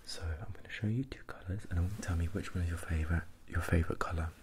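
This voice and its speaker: Guy doing ASMR role-play asmr, low dark mellow voice, keeps repeating little instructions, bit of background noise. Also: steady tone, racing. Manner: repetitive, instructing and questioning, shifting between soft voice and low soft voice. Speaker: ASMR performer giving mock eye tests.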